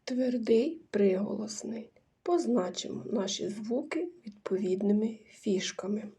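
A woman's voice: medium pitch, lively intonation, measured pace, dark tone, breathy edge. A woman teaching young children a phonics lesson, patiently asking questions, answering them herself and praising the class. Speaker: kindergarten teacher.

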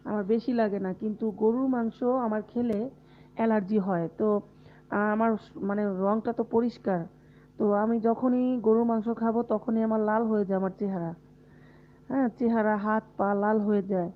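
A woman's voice: medium pitch, fairly even intonation, brisk, slight background noise. A woman from Bangladesh, unwell with a fever, chatting casually with viewers during a live stream from a closed room at home and often laughing. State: unwell with fever and body aches. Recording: tinny phone-like live stream audio.

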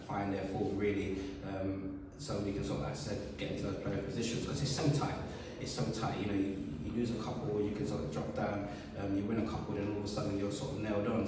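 A man, a football manager giving a relaxed post-match interview full of fillers. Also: on the low side, background noise. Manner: relaxed, many fillers and "sort of". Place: bare indoor room by a wall, seated. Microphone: camera a few feet away. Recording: echoey room from far off.

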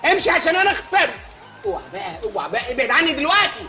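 An actor with an Egyptian accent playing a spoiled, childish, rude grown man in a TV comedy, talking very fast and whiny. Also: extremely high pitch, very animated, over music. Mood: mocking. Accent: Egyptian Arabic. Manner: petulant, rapid, complaining. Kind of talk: TV comedy series acting.

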